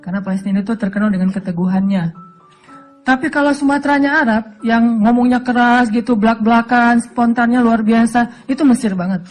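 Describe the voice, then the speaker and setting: A middle-aged male Islamic preacher from Aceh, giving a relaxed, humorous sermon that jokes and acts out voices in his stories. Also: extremely high pitch, brisk, soft background music. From Aceh, Indonesia. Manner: joking storytelling, often laughing.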